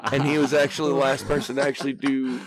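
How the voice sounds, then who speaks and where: A man in a casual podcast chat, laid-back and dry, with halting restarts. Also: mid-range voice, flat delivery, a loud crowd. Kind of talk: casual comedic banter.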